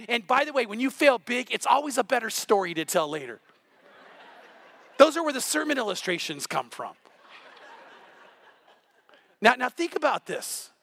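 A male pastor delivers a morning sermon with a strikingly high voice. His tone is bright and forceful, driving each point home with emphatic repetition. The sound is dry and close, with no room echo. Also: creaky. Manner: energetic, emphatic preaching with repetitions.

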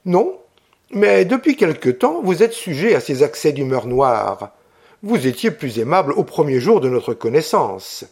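A man's voice: fairly high pitch, very animated, a little slow, a little mellow, slightly rough, full character voice. A man reading an audiobook, voicing a witty, teasing young English lady with a playful, lightly mocking manner.

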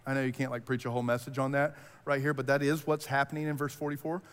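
A man's voice: mid-range voice, little pitch movement, fast talker. A man preaching a sermon as pastor, casual and conversational, with lots of fillers. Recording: hall reverb.

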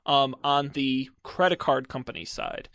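A man's voice: mid-range voice, fairly even intonation, unhurried, vocal fry, a bit bright, no echo, studio quality. A man hosting a casual tech podcast, chatty and wry, with lots of fillers. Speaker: podcast host.

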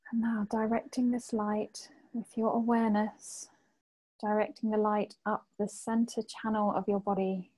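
Female meditation guide, sleep-story narrator feel: soft-toned and mellow, very even pitch, lots of space between phrases. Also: low-quality recording. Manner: gentle, unhurried phrasing with long pauses.

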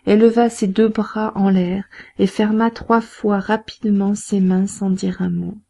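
A woman reading a classic novel aloud as an audiobook narrator, steady and measured. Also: mid-range voice, creaky.

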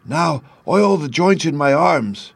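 A man acts out a courteous storybook man made entirely of tin. The voice is pushed high and swoops expressively, with drawn-out, earnest words, as if rusted stiff. It is recorded dry and close. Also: animated, creaky, breathy edge, no echo, heavily acted. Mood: pleading. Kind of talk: storybook character voice.

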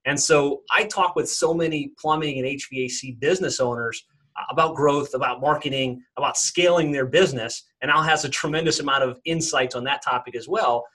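A man's voice: medium pitch, a little fast, a bit bright, rough recording. A man hosting a podcast interview, introducing his guest with plenty of fillers and repeated words. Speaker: podcast host.

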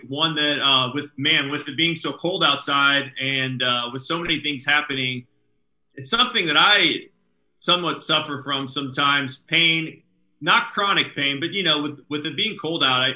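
A man's voice: fairly high pitch, sharp tone, roomy sound, lo-fi sound. A man hosting a radio talk show in a studio, chatting casually and often restarting his sentences with fillers.

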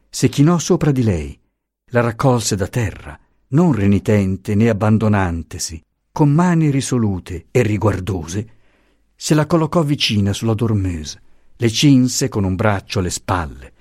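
A man narrating a literary novel in a slow, measured, expressive reading, recorded close. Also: lowish voice, no room sound. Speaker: audiobook narrator.

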